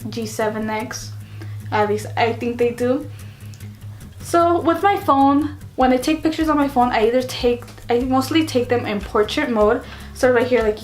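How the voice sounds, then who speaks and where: A woman in her twenties chatting casually to camera as a lifestyle vlogger, giggly and self-mocking. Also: fairly high pitch. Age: 20s.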